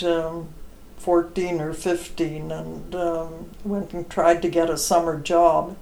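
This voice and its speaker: A woman's voice: low voice, a little mellow, roomy sound. A woman in her eighties, chatting about her past in a self-deprecating way. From Ontario, Canada. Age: 80s. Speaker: interviewee. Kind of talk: reminiscing in an interview.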